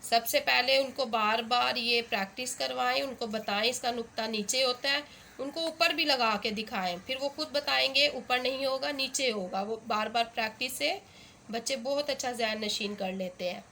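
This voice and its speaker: A woman's voice: fairly high pitch, gravelly, sharp tone, a little hiss or hum. A woman with an Urdu accent teaching a phonics lesson, repeating letter sounds and words with stress on the first sound. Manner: slow, repeats sounds with emphasis.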